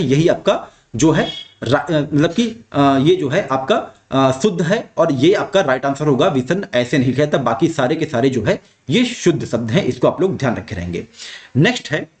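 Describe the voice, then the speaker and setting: A man teaching spelling for an exam, who asks a question and then repeats the answer himself, with some hesitant fillers as he explains. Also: fairly high pitch. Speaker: Hindi exam tutor. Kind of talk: exam practice lesson.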